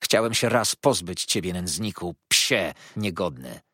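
A man voicing an indignant, hot-tempered young man who speaks loudly and quickly. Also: deep voice, expressive, slightly rough, no room sound, studio quality, heavily acted. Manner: loud and fast.

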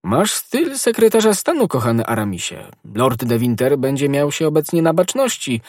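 A man's voice: mid-range voice, sing-song, normal speed, darkish tone, no room sound, clean studio sound, voice pushed up. A man reading a grave, admonishing noble musketeer in a raised voice in an audiobook. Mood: approving. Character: proud stern nobleman musketeer, older friend.

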